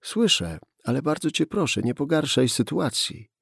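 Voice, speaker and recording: A man voicing a frightened young police officer who speaks in a calm, pleading way. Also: a little high, moderate pace, gravelly, slightly rough, no room sound, studio quality, voice pushed up, full character voice.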